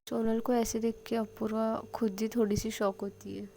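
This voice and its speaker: A woman narrating an episode of a love story series in an even, storytelling way. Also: fairly high pitch, moderate pace, creaky, a little hiss or hum, low-quality recording.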